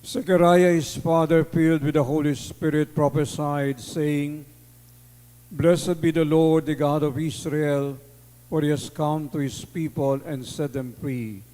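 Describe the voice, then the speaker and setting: Male priest, Filipino accent, solemn and unhurried, fairly high voice, heard in a long cathedral echo. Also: fairly even intonation, dark tone. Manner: solemn, measured. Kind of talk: liturgical Gospel reading and homily. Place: large reverberant church.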